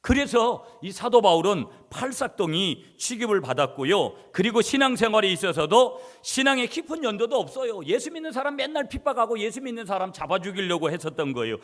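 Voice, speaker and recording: Animated Korean pastor preaching in an echoing hall. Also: male voice, brisk, few pauses. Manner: swings from loud emphatic preaching to low asides. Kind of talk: sermon. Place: church sanctuary. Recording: church hall reverb.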